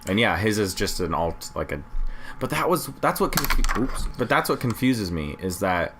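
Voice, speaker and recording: A man's voice: lowish voice, normal speed. A young man chatting casually as he reviews a video game trailer. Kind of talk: casual chat. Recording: steady background room noise.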